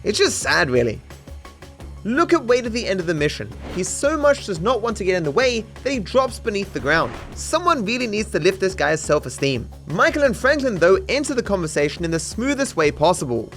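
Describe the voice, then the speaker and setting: Reading scripted commentary over game footage, a man sounds very animated, a little fast, and a bit bright, his voice high. The humor is dry and sarcastic, delivered mock-seriously, with music playing underneath.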